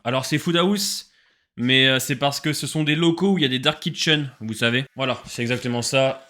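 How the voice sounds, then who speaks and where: A man's voice: medium pitch, fairly quick. Tired, chatty man with a webcam. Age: late 20s. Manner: chatty, animated, self-mocking. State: tired from a late night. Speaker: food reviewer. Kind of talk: casual food-tasting vlog.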